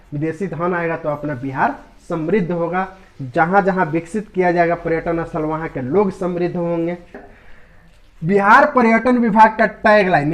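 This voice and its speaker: A man with a Bihari Hindi accent teaching a casual exam-prep lesson, quizzing the viewer, answering his own questions and joking in between. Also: high voice.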